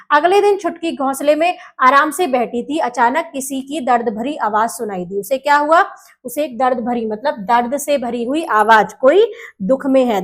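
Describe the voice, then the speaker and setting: A woman teacher reading a children's story aloud, explaining each word simply and asking the class questions. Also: sits high. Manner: reads a line, then explains words simply and quizzes the class.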